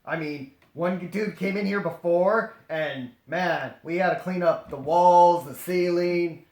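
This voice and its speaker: Reading slowly in a high, darkish voice, a man turns a story into comedy with playful, theatrical asides he makes up as he goes. Echo fills the room, and faint noise and clicks can be heard.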